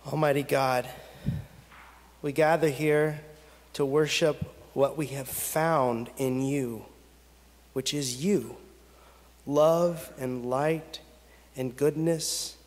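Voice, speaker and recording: A man in his thirties, a pastor, leading a pastoral prayer and reading scripture from the pulpit in slow, measured phrases with long pauses. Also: on the high side. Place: church sanctuary at a pulpit. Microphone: pulpit gooseneck microphone. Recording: long reverb of a church sanctuary.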